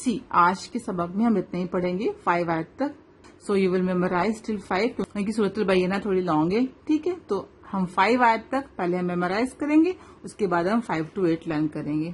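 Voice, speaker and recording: A woman, teaching tajweed to children, explaining rules quickly and then reciting slowly word by word. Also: lowish voice, slight background noise.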